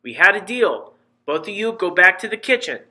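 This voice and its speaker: A man's voice: sits high, very animated, moderate pace, sharp tone, pitched above the performer's own voice, heavily acted, low-quality recording. A man voicing a worried, persistent middle-aged mother who pleads and insists as she talks to her son in a storybook reading. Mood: firm, motherly.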